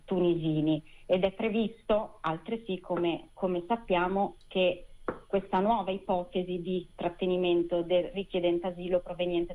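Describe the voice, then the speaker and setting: A woman lawyer, a guest on a radio interview, talking over a tinny phone line in measured, precise legal phrasing. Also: fairly low pitch. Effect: speaking over a phone line.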